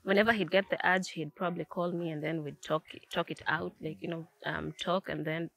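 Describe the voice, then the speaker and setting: A young Kenyan woman speaks with a slightly low, even voice as she recounts her own story to a host. She is reflective and unhurried, often restarting a phrase and blending in Swahili words. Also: vocal fry, dry recording. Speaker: guest. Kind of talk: personal storytelling in casual chat.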